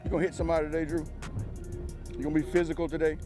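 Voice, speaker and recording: A football coach at outdoor practice, wearing a body mic, joking with players and shouting energetic drill commands. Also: male voice, a little high, racing, over music. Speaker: defensive line coach. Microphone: wireless body mic.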